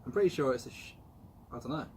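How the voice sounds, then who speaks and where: A man's voice: medium pitch, expressive, fast talker, darkish tone. A man in his mid twenties, teasing his friend playfully in casual chat. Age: 20s. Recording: light background noise.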